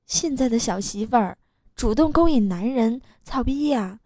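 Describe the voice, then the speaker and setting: A woman's voice: a little high, lively intonation, moderate pace, warm tone, no echo. A woman voicing a foul-mouthed female coworker in a storybook reading, with a mocking, laughing way of scolding.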